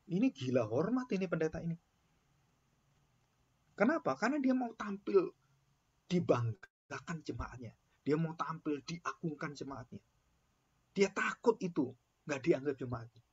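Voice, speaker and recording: A man's voice: fairly high pitch, slightly rough, muffled recording. A man lecturing theology students in an emphatic, sermon-like way, repeating his key phrases for weight.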